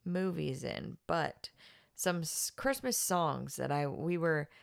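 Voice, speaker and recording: Congested low-voiced woman podcaster. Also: takes it slowly, creaky, no echo, studio quality. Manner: giggly, rambling. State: congested from crying. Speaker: podcast co-host. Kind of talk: casual chat.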